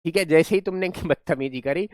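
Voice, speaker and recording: A man teaching an online class. He is lively, acts out examples in funny voices and keeps checking in with his students. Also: on the high side, a little fast, no room sound, clean studio sound. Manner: coaxing, checks in with students often.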